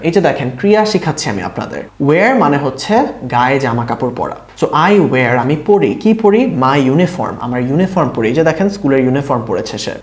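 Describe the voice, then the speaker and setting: A male teacher gives a spoken English lesson, mixing Bengali and English. He explains patiently and asks the class rhetorical questions. His pitch moves a lot, and the recording rings with room echo. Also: sing-song, brisk. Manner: switches between Bengali and English. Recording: roomy echo.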